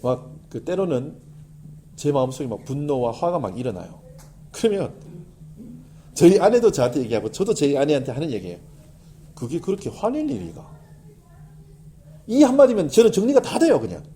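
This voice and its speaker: A middle-aged man preaches a sermon, talking to his congregation in an animated, conversational way. His voice sits high and swoops up and down expressively, but the tone stays mellow and relaxed. A faint hum of background noise runs under the recording. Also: brisk. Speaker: pastor.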